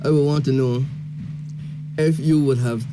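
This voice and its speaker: A man hosting a call-in radio show, jovial and quick to laugh as he asks questions. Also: mid-range voice, fairly even intonation, music in the background, rough recording. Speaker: radio host.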